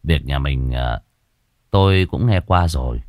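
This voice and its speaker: A solemn master speaks quietly and deep, slow and measured, every word weighed, as a man puts him on. The voice is dry and close, with no room around it. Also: no echo. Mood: grave. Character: calm, grave male exorcist master, low-spoken.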